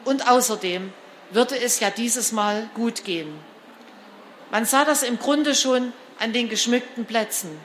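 A woman narrating a children's storybook in an expressive, lively reading style. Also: a little high, unhurried, a little hiss or hum. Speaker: storybook reader.

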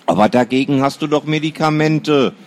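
A man's voice: medium pitch, big pitch swings, moderate pace. Teasing schoolgirl twin, sly and falsely sweet, man playing her. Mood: mock-innocent. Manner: sly, mock-innocent. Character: mischievous teasing girl twin.

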